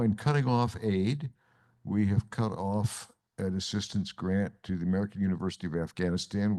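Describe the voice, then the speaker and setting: An older man with a low, mellow voice answers a question on a discussion panel. He speaks in a measured, blunt way and sounds regretful. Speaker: retired ambassador, panelist.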